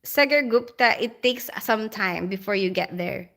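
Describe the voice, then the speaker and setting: A woman's voice: medium pitch, measured pace, a bit bright. A woman with a Filipino accent who grew up in the Philippines, chatting casually on a live stream, reading viewer comments aloud and laughing often.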